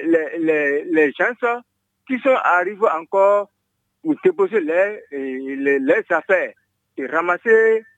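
A man's voice: on the high side, a bit bright, dry recording. A man calling in to a radio show, rambling and stumbling with many restarts. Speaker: caller. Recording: muffled phone line.

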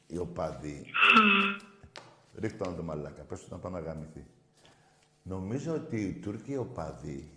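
A man's voice: low-pitched, mellow, reverberant, slight background noise. A man hosting a casual phone-in show, talking in a brash, profane way. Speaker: call-in show host.

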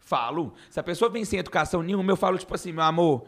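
A man with a Brazilian Portuguese accent telling stories in casual chat, animated, acting out the people he quotes. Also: sits high, racing.

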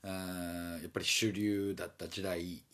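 Man, Kansai accent, very low voice, casual solo talk, rambling, lots of fillers. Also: little pitch movement, a little slow, a bit bright. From Osaka. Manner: meandering, many fillers and hesitations.

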